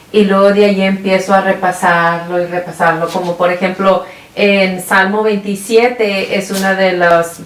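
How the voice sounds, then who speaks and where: A woman co-hosting a podcast, sharing a personal faith testimony and otherwise backing her co-host with steady "ujú". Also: mid-range voice, distant mic. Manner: soft listener, answers with steady "ujú". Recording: echoey room, a bit off mic.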